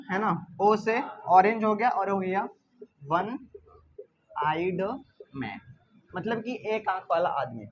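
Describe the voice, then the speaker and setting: A male teacher giving a grammar lesson, constantly asking rhetorical questions and repeating the key words, with a playful, chiding manner. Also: high voice. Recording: dull lo-fi recording.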